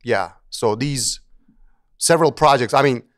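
A man's voice: mid-range voice, unhurried, dry recording, clean studio sound. A middle-aged man from Turkey, speaking as an interview guest in an earnest way, often restarting and repeating words. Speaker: guest, engineering professor. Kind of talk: conversational interview.

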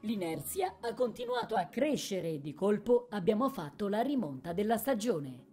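Woman voicing a steady female war commander. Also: medium pitch, normal speed, faint music behind, pitched above the performer's own voice, close to an everyday voice. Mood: proud. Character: female warband commander, calm and proud.

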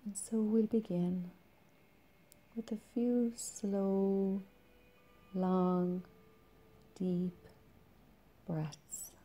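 A woman leads a meditation, speaking slowly with long pauses. Her voice is soft, breathy, and soothing, very dark and relaxed, with an even, flat pitch.

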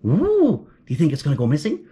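This children's story reader has a deep, dark-toned voice that moves briskly and swings hugely in pitch. She reads a picture book to kids, letting out surprised gasps and asking questions page by page.

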